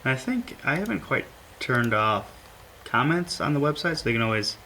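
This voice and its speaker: A man's voice: medium pitch, sing-song, sharp tone, rough recording. Guy hosting a podcast, mid voice, lots of uhs and ums, faint hiss. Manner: halting, filler-heavy, thinking aloud. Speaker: podcast host. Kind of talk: casual chat.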